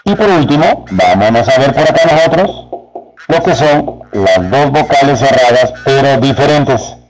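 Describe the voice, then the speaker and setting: A man teaching a spelling lesson to teachers, explaining slowly and speaking to them directly. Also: mid-range voice, lively intonation, soft background music, rough recording. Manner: slow, deliberate, addresses teachers directly. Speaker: teacher trainer.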